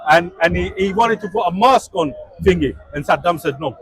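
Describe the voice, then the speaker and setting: A man's voice: high-pitched, a little fast, breathy edge, dry recording, faint music behind. A man debating religion in a heated back-and-forth, pressing his points with "listen" and "right?". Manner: animated, repeats "right?" and "listen".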